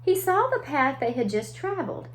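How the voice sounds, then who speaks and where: Reading a story to little kids, this preschool teacher adds easy explanations and asks them questions along the way. She has a high voice with big pitch swings and keeps a moderate pace.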